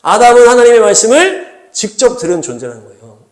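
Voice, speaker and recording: A high-pitched male pastor preaching a sermon in an echoey church hall. He repeats key phrases emphatically and slips into different voices to act out quoted dialogue. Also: wildly swooping pitch, fast talker, darkish tone.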